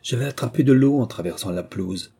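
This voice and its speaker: A man reading an audiobook voices a headstrong, playful young girl, lifting his voice and talking quickly and teasingly. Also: medium pitch, expressive, vocal fry, mellow, breathy edge, voice pushed up, heavily acted. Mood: eager.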